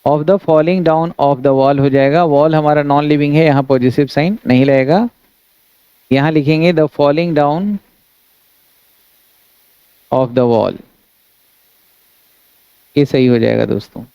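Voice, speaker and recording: Male grammar tutor, smooth voice, steady classroom explainer, dry close recording. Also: fairly high pitch, no room sound, highs cut off. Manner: reads English sentences slowly, explains in Hindi; addresses students as friends, steady instructive delivery. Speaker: English grammar teacher. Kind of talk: exam-prep grammar lesson.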